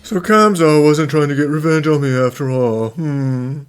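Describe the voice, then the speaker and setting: A man's voice: a little high, normal speed, smooth, lightly acted. A man playing an earnest, regretful older character in an anime-style fan dub. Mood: puzzled. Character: earnest, regretful older friend, long estranged. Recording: voice over faint music.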